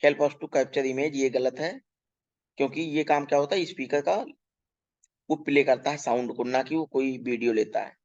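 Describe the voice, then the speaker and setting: A male teacher works through a children's workbook lesson for young pupils, reading the English questions slowly and explaining in Hindi. He spells words letter by letter and keeps checking "ठीक है". His voice is medium-pitched and darkish with fairly even intonation, and the audio sounds dull.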